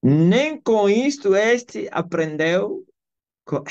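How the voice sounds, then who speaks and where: A man's voice: high voice, big pitch swings, very slow, darkish tone. A man with an Angolan Portuguese accent preaching a sermon over a live video call, stressing his points by repeating them. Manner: emphatic, repeats phrases for weight. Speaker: apostle and preacher. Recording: slightly muffled online call audio.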